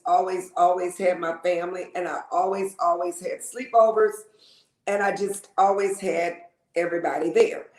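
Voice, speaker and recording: A woman, chatting as an interview guest, repeating words and filling pauses with ums. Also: lowish voice, reverberant. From Lake Charles, Louisiana. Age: 50s. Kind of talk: casual interview storytelling.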